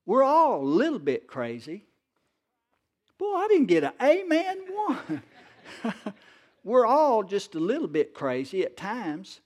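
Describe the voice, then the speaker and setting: A man preaching a sermon, joking and laughing often, calling for responses from the congregation and reading scripture slowly and emphatically. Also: sits high, wildly swooping pitch. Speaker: pastor.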